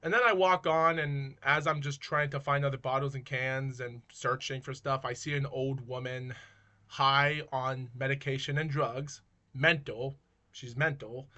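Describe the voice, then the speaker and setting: A man's voice: mid-range voice, fairly even intonation, unhurried, pushed and bright. A man telling viewers a personal street story in a rambling, casual vlog style, restarting sentences and often calling them guys. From Maine, United States.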